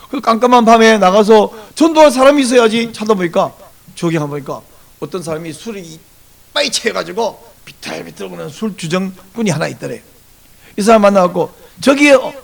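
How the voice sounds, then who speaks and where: Man, pastor, Sunday sermon, high voice, gravelly, very lively pitch, animated storytelling. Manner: animated storytelling, acts out dialogue in varied voices.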